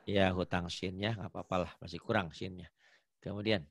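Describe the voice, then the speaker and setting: A man from Indonesia teaching Quran reading in an online lesson, patiently correcting his student and modelling slow, drawn-out recitation. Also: low voice, steady tone, gravelly, a bit bright, no echo, clean studio sound. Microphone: online call.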